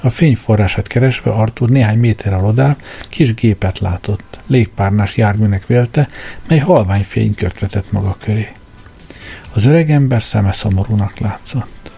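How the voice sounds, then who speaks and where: A man reading a story aloud as narrator, in a measured storytelling manner. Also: on the low side, creaky, warm tone, husky. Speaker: audiobook narrator. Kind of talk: scripted narration. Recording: faint background music.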